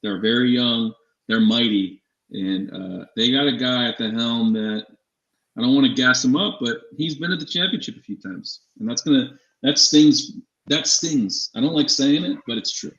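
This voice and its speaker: Co-hosting a fantasy sports show, this man speaks at a moderate pace in a mid-range, somewhat bright voice. His chat is casual and loose, with phrases repeated for emphasis, and the room sound comes across slightly dull and echoey.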